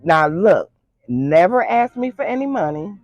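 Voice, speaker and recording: A woman's voice: fairly low pitch, sing-song, unhurried, a little mellow, no room sound, highs cut off. A woman telling a personal story to her viewers in a casual, chatty way, calling them girl and y'all. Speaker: storytime vlogger.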